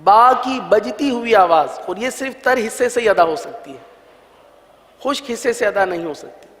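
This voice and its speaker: A man with a high voice gives a religious recitation lesson. He speaks patiently, drawing out each letter slowly and repeating it for learners to copy. His voice rings with the long reverb of a hall. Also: animated, fairly bright tone. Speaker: Quran recitation teacher.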